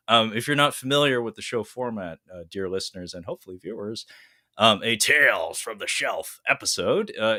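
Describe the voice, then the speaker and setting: A man's voice: on the low side, pushed and bright, dry recording, clean studio sound. A man congested with a cold, his voice phlegmy and rattly, hosting a podcast in casual, wordy, self-deprecating chat. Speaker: podcast host.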